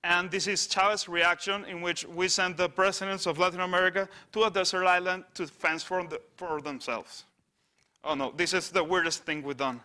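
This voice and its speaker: A man from Venezuela, giving a wry, halting conference talk with many restarts. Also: sits high, fairly even intonation, bright, forceful tone. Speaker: conference speaker on satire news site. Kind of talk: conference presentation. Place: conference stage.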